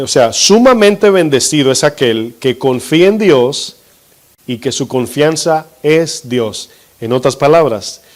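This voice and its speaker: Male pastor, mid-pitched voice, steady teaching sermon with questions to the congregation. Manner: slows for emphasis on scripture.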